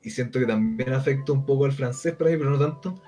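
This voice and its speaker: A man's voice: mid-range voice, fast talker, warm tone, soft background music. A man with a Chilean accent co-hosting a casual chat, speaking bluntly and at length with lots of slang. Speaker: co-host.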